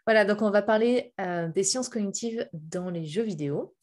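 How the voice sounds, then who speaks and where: A woman's voice: medium pitch, normal speed, darkish tone. A middle-aged woman from Paris giving a public talk over a video call from a hotel room, hesitant and full of fillers and restarts. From Paris, France. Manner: hesitant, many fillers and restarts, light laughs. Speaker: guest speaker on game user experience.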